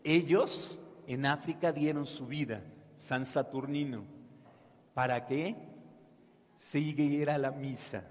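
A priest telling a saint's story to children in a church, asking them questions and having them answer back. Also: male voice, mid-range voice, slow pace. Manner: animated, asks children questions, call and response. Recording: echoey church hall.

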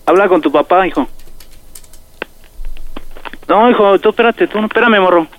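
A man's voice: high voice, normal speed, phone-quality sound. A man with a Mexican accent acting as a prank accomplice, talking urgently with lots of slang.

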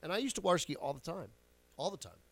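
Very animated and fast, this man's voice sits high, and the recording is dry. A forty-something radio host, he rattles through casual stories in a chatty manner, swearing here and there and laughing at his own jokes.

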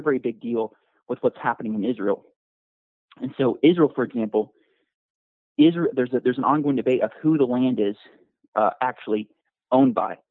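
Male caller, winded from running, halting delivery, phone-line sound. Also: medium pitch, dry recording. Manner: halting, many fillers and restarts. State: out of breath after a run.

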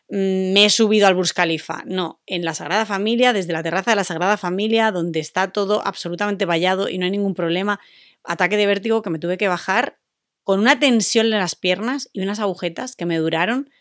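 A woman's voice: mid-range voice, no room sound, studio quality. A woman, telling a personal story on a podcast in a chatty, hesitant way with many fillers. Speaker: podcast co-host. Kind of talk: casual storytelling. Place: room recorded for a podcast.

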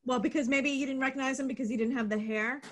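A woman's voice: high voice, fast. A woman co-hosting a casual chat, talking easily with plenty of "um" fillers. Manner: relaxed, many "um" fillers, laughs along.

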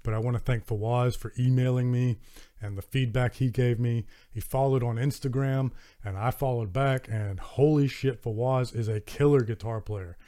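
A man's voice: mid-range voice, steady tone, normal speed, dark tone. A man with a Southern American accent hosting his own podcast, chatting earnestly and enthusiastically, with frequent restarts. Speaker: podcast host. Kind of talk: casual solo podcast talk.

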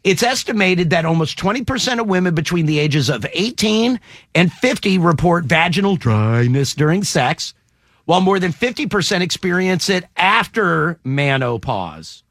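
A man's voice: sits high, sing-song, moderate pace, fairly bright tone, no room sound, studio quality. A man hosting a casual panel chat, reading out statements and quizzing the panel playfully. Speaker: host.

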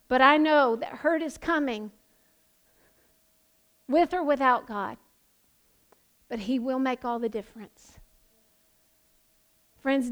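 A woman pastor preaching a sermon, passionate and building to emphatic proclamations. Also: high-pitched.

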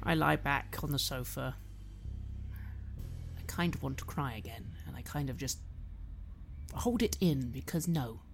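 A woman plays a nervous patient who stumbles and repeats herself as she talks. Her voice is low, and faint music runs behind her. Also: gravelly. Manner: halting, stammering, anxious. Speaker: player. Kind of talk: in-character role-play as an anxious patient.

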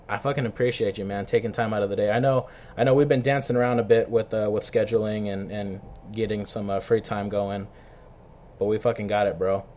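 A man's voice: fairly low pitch, a little mellow, a little hiss or hum. A man hosting a casual podcast, chummy and slangy, swearing freely. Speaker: podcast host. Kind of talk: casual interview chat.

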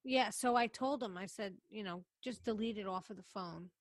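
A woman's voice: mid-range voice, normal speed, no echo. A woman in casual chat with friends, blunt and swearing freely.

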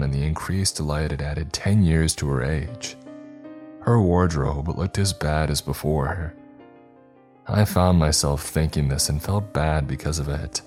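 A man narrating a first-person horror story in a measured, tense way. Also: rumbling low, a little mellow.

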